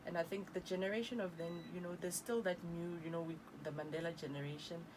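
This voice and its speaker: Quick-paced and steady in tone, with a fairly low pitch, a South African author and evangelist in her thirties talks earnestly on a radio interview. She switches languages mid-sentence, and the studio background is noisy.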